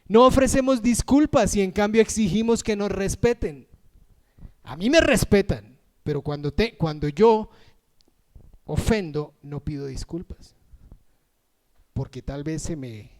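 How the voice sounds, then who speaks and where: High-voiced pastor preaching with fervor. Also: male voice. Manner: emotional, shouts when moved; acts out everyday voices in asides. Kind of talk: lively sermon.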